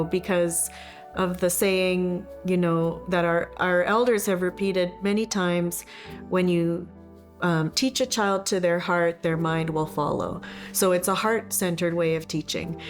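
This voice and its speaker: A woman giving reflective interview talk in a measured way, searching for her words. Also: lowish voice. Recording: faint music behind.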